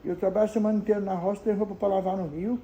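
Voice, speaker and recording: This older Brazilian woman talks very fast at a medium, steady pitch with a dark tone, recalling her childhood in a homely, relaxed way and performing the other people's dialogue as she answers viewer questions. The audio is dull and has a little hiss or hum.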